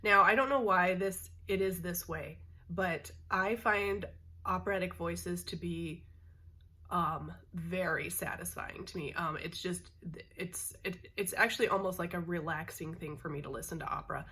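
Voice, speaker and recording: A woman's voice: fairly low pitch, fairly even intonation, normal speed, sharp tone, husky. A middle-aged woman chatting casually to her viewers in a rambling way, with many fillers and restarts. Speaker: vlogger. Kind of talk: casual chat to camera.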